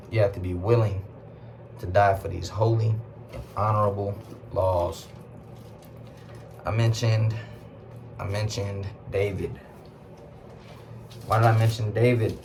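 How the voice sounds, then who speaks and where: Southern us guy preaching from scripture, lowish voice, reads verses slow then breaks it down casual, bit of room noise. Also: darkish tone. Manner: asks rhetorical questions. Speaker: teacher.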